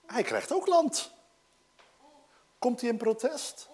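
A preacher delivering a sermon and explaining a scripture passage, moving between loud, emphatic passages and hushed, almost whispered asides. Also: medium pitch, lively intonation, takes it slowly, slightly rough. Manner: explains a scripture text to a congregation.

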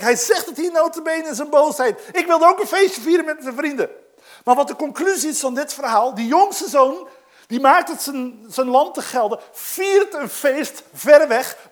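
A preacher delivering a sermon and explaining a scripture passage, moving between loud, emphatic passages and hushed, almost whispered asides. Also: high-pitched. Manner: explains a scripture text to a congregation.

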